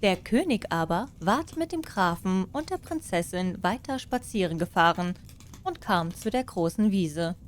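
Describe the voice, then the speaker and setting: A woman narrates a fairy tale as an audiobook at a very slow, unhurried pace. Her delivery is calm and measured, her pitch in the ordinary middle range. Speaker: storyteller.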